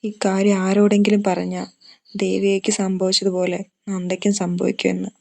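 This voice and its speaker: A woman's voice: mid-range voice, completely flat delivery, moderate pace, gravelly, a little mellow, lightly acted. A woman voicing a grieving old grandmother who confesses a long-kept secret in a trembling voice. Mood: shaken, tearful.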